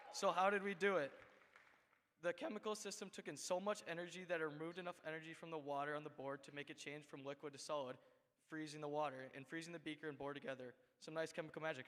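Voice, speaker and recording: A man's voice: on the high side, a bit bright. Teen guy doing a chem demo, kinda scripted, echoey auditorium. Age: late teens. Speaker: student demonstrator. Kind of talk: explaining a chemistry demo.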